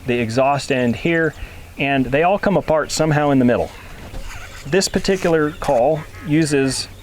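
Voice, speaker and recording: Casual man teaching, noise behind him. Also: medium pitch. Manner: plain-spoken, folksy and informal. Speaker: instructor, duck hunter. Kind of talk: casual hands-on tutorial.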